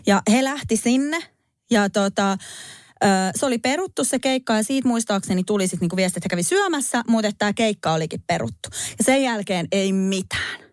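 A middle-aged woman hosting a casual podcast chat, telling stories in an animated way and laughing often as she spins out worst-case scenarios. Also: mid-range voice, no echo, studio quality. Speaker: podcast host.

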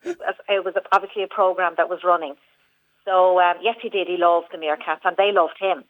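A woman's voice: on the low side, fairly even intonation, fairly quick. A woman guest speaking over the phone on a radio show, chatty and hesitant, with frequent restarts. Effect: heard over the phone. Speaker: phone-in guest, venue manager. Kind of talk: casual radio phone interview. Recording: tinny phone line.

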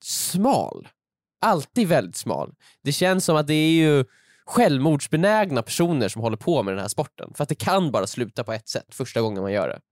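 A man's voice: fairly high pitch, very animated, dry recording, clean studio sound. A young man co-hosting a casual podcast, playful and joking, slipping into silly put-on voices. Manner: playful, acts out voices in jokes. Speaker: podcast co-host.

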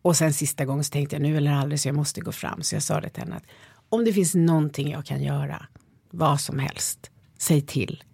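A woman in an interview, a leadership developer telling her stories in a lively, animated way. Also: low-pitched, gravelly, slightly rough, dry recording. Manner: lively storyteller, animated retellings. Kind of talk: interview conversation.

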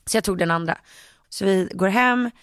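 A woman's voice: medium pitch, clean tone, no echo, studio quality. A woman co-hosting a chat podcast, telling a story with lots of quoted asides and laughter. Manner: animated, quotes herself with "jag bara", laughs often. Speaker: podcast co-host.

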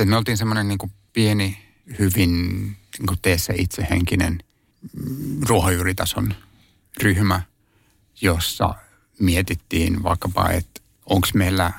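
A low-voiced man with a heavily gravelly, husky tone talks through his work as an activist. He hesitates, restarts and fills gaps with soft sounds. The sound is dry and close. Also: dry recording. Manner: thoughtful, hesitant, many fillers and restarts. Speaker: animal rights activist. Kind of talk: conversational interview answers.

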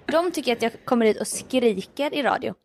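Woman podcasting, fairly high voice, lively storyteller, laughs a lot. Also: a little hiss or hum. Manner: animated storyteller, reads listener mails aloud, laughs often. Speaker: night radio host talking on a podcast. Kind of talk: casual podcast chat. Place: home with building work going on.

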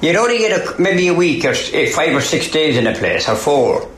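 A man's voice: a little high, sing-song, a little fast. An older man with an Irish accent, reminiscing informally for a documentary. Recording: echoey, with faint background noise.

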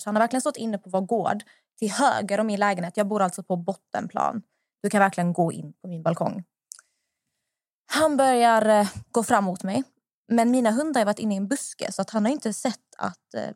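A young woman hosting a podcast, telling a personal story in a lively, animated way. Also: medium pitch, dry recording, clean studio sound. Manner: animated anecdote-telling, acts out what others said. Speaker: podcast host. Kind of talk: casual storytelling.

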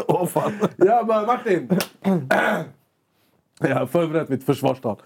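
A man's voice: on the high side, a crowd in the background. A young man co-hosting a casual chat, telling a story animatedly and acting out both sides of a conversation. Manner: animated, quotes himself and others in quick bursts. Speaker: podcast co-host.

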